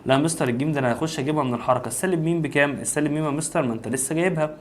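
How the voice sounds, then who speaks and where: Man, Egyptian accent, teacher, very fast speech, explains step by step, addresses the student. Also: on the high side, a little hiss or hum. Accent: Egyptian Arabic. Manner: rapid, talks to the student as "mister", reasons aloud step by step. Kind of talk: exam review lesson.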